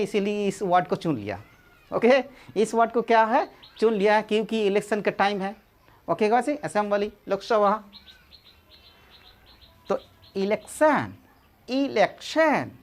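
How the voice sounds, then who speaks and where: A woman with an Indian accent teaches pronunciation in a casual online lesson, repeating words slowly and stretching them out. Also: mid-range voice. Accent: Indian English. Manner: drawn-out repeated words, slow modeling of sounds.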